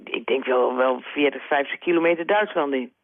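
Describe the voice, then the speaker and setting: A woman's voice: a bass voice, normal speed, no echo. Middle-aged woman, caller, from the eastern Netherlands, chatty and rambling, over a tinny phone line, dry sound. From Liemers, eastern Netherlands. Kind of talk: telling an anecdote on a call-in show. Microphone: telephone.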